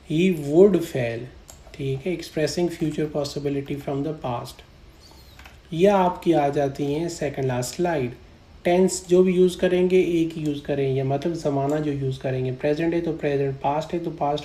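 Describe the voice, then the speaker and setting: Slow, mellow-voiced male English teacher. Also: a little high. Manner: explains in Hindi-Urdu, reads English examples slowly; repeats "right?" and "theek hai" to check in. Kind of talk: grammar lesson explaining slides. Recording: echoey room.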